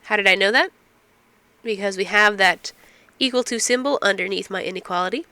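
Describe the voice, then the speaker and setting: Still shaking off a cold, a woman teaches math in a recorded lecture, asking herself questions and answering them as she goes step by step. Her mid-range voice is brisk, bright, and forceful, captured in a dry recording.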